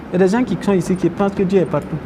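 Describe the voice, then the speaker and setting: A man's voice: high-pitched, fairly even intonation, racing, noisy background. A man teaching a religious class, explaining Arabic terms and questioning his listeners. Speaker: Islamic teacher. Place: mosque, faint outdoor traffic behind.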